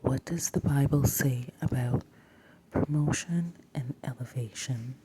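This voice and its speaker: A woman whispering softly as she teaches from the Bible early in the morning, reading verses aloud and breaking them down. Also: a bass voice, a little hiss or hum. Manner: soft whisper, slow and deliberate; reads verses aloud and then unpacks them. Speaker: Bible teacher and video host.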